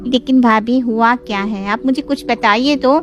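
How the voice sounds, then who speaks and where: A woman voicing a gentle young sister-in-law who tries to calm her quarrelling sisters-in-law in a cartoon story. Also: on the high side, normal speed, dull audio, soft background music, lightly acted. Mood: concerned. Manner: soothing and coaxing.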